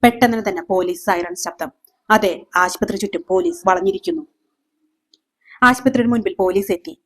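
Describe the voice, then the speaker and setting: A woman narrating a dramatic fictional story with measured, paused delivery. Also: medium pitch, lively intonation.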